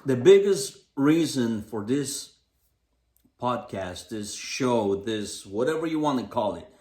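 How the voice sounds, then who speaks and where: Co-hosting a community podcast from the Los Angeles area, a man talks slowly in a medium-pitched, slightly mellow voice with lively intonation. His casual chat is upbeat and motivational, with phrases he keeps repeating. The room is noticeably echoey.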